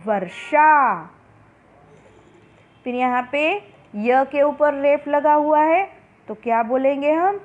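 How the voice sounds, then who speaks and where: A high-voiced woman teaches a phonics lesson, sounding out words at a very slow, deliberate pace. Her voice comes through a narrow, phone-like recording. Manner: slow, drawn-out pronunciation of each word for students.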